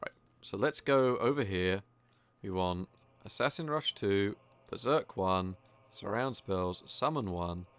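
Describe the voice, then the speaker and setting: A man's voice: lowish voice, animated, slow pace, clean tone. A man giving rambling, casual live commentary while playing a video game, often poking fun at himself. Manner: casual, rambling, self-deprecating.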